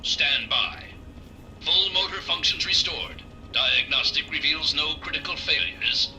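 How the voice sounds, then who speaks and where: A man voicing a malfunctioning male robot field medic that glitches and reports errors in flat, clinical machine announcements, with a robotic filter on the voice. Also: on the high side, unhurried, distant mic, faint music behind, full character voice. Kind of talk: video game character dialogue.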